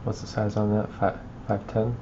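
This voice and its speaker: A man walking viewers through a video edit on a livestream, thinking aloud and trailing off into quiet mutters as he works. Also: lowish voice, little pitch movement, moderate pace, highs cut off, very noisy. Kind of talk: live editing walkthrough.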